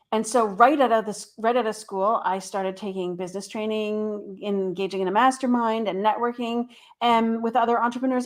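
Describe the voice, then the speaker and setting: A middle-aged woman with a somewhat high-pitched voice talks as a guest in a casual interview. She sounds like a therapist explaining her path, conversational and explanatory. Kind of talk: casual interview, telling a career story.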